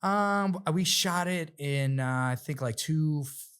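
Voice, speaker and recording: A lively male guest who tells his stories with plenty of energy. He often slips into little acted-out voices for the people he quotes. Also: on the high side, slow, smooth. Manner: animated storyteller, acts out quotes in other voices. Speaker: guest, realtor and rapper. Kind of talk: casual interview chat.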